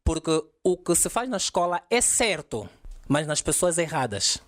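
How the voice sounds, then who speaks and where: A man's voice: on the high side, big pitch swings, normal speed. Man, English teacher guest, emphatic explainer who mixes in English example lines. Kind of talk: podcast interview.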